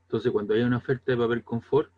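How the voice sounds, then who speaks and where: A man with a Chilean Spanish accent lectures a class conversationally, often checking that his students are following along. His voice is medium in pitch with fairly even intonation, and he speaks quickly. The audio has a phone-quality sound.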